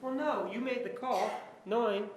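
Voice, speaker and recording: A lawyer with a middle-register voice and normal pace questions a witness during cross-examination, the large courtroom echoing with faint noise behind. Each question is leading and sharp, frequently capped with a brief tag pressing for agreement.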